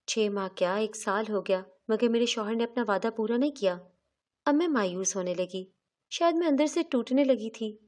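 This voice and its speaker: A woman's voice: mid-range voice, a little mellow. A woman narrating a first-person moral story in an earnest, confessional storytelling manner.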